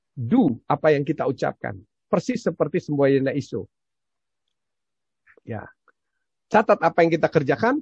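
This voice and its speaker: A man who teaches parenting, giving advice in a casual, animated way and acting out what he says to his own child. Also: fairly high pitch, creaky, husky, no echo. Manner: animated storyteller, acts out his own stern lines to his child. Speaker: parenting educator answering a question. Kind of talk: conversational advice talk. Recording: dull, lo-fi sound.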